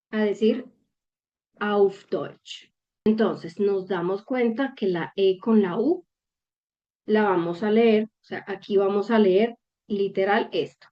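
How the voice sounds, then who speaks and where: A woman teaches a language lesson at a very slow, deliberate pace, with patient explanations and frequent quick questions to her viewers. Her voice sits at a middle pitch, and the recording sounds a little dull and lo-fi. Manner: patient, checks in with short questions. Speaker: German teacher.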